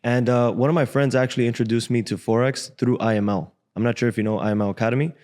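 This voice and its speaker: Young Cuban-born guy from Miami, casual and frank, slangy, studio boom mic. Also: fairly even intonation, quick pace, a little mellow. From Cuba, raised in Miami. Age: 20s. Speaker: guest trader. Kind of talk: casual interview storytelling. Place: podcast studio, indoors. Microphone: desk boom mic.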